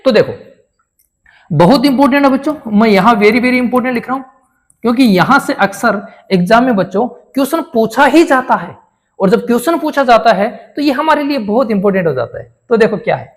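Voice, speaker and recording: A man teaching a school maths lesson, asking his pupils questions, answering them himself and repeating each key answer. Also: very high voice. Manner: addresses pupils warmly as children.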